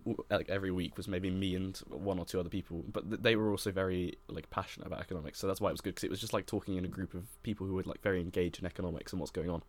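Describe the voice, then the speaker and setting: A young man with a notably deep voice chats on a podcast. He rattles along quickly, restarting sentences and stacking fillers as he goes. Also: fairly even intonation. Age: young adult. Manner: fast, rambling, full of fillers and restarts. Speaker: podcast co-host. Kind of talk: casual chat.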